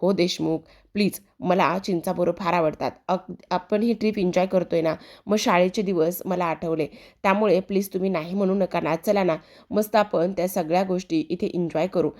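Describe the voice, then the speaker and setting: A woman's voice: on the low side, fairly even intonation, normal speed, a little mellow, natural voice. A woman reading as Kavya, a playful teasing young wife. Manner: teasing, coaxing.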